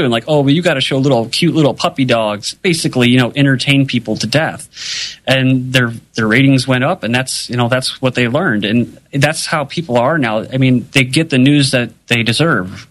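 A man with a mid-pitched voice talks as a journalist in a casual, conversational way. His commentary rambles along loosely, with frequent filler phrases. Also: fairly bright tone.

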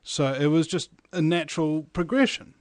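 A man's voice: on the high side, normal speed, no room sound, clean studio sound. A man chatting casually in a slangy, matey way. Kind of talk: casual conversation.

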